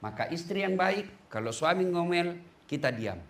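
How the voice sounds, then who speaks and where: A man's voice: sits high, lively intonation, normal speed, slight background noise. A middle-aged man preaching a humorous sermon to women, joking and switching voices for the people he quotes.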